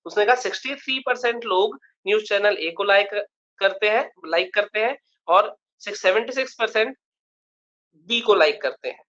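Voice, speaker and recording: A man's voice: high-pitched, normal speed, pushed and bright, dull audio. A male math teacher giving a live online lecture, explaining a problem step by step and often checking that students follow.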